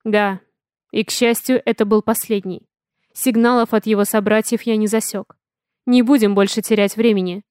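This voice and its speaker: A woman voicing a calm, protective male alien pilot in an audiobook, speaking in a steady, reassuring way. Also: medium pitch, normal speed, smooth, no echo, clean studio sound, natural voice. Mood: matter-of-fact. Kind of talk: audiobook character voice.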